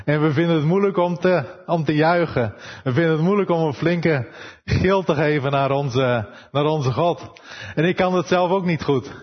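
Soft-spoken Dutch preacher in a reverberant hall. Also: male voice, fairly high pitch, lo-fi sound. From Netherlands. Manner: soft-spoken, unhurried, with pauses and hesitations. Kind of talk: sermon.

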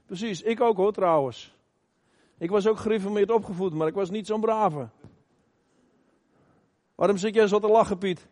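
A middle-aged man preaching an emphatic sermon in a church, asking the congregation questions and sometimes shouting. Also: high voice, moderate pace, long pauses. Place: church hall. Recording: long reverb of a church hall.

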